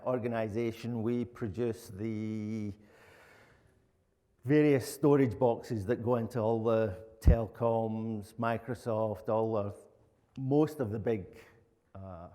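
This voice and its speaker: A middle-aged lead software architect from Glasgow, Scotland, gives an informal, plain-spoken talk at a conference with a Glaswegian accent. His voice is fairly low and warm. He's indoors in a conference room, and the hall is echoey with long reverb.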